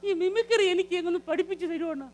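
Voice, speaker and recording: A man's voice: extremely high pitch, fast, darkish tone. A man playing a naive, bumbling young sidekick who whines to his elder brother in a live comedy skit. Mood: whiny. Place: live stage show.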